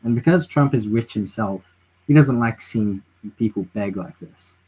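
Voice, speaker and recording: He speaks unhurriedly in a warm, husky voice on the low side, captured on a low-quality recording. Tired and livestreaming late from home, this English-speaking man rambles about politics, voices chat messages aloud, and often starts over or says filler words.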